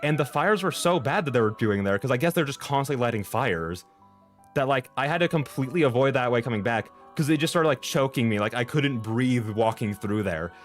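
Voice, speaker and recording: A man's voice: medium pitch, a little fast. Man chatting casually on a livestream over music. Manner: rambling, expressive, exaggerated exasperation. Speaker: streamer. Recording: music playing behind the voice. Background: background music.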